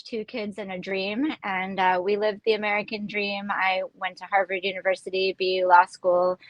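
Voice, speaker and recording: A woman's voice: medium pitch, a bit bright, no echo, poor audio. Chatty woman podcast host, dry sound. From South Africa. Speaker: immigration lawyer, podcast host. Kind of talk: casual podcast interview.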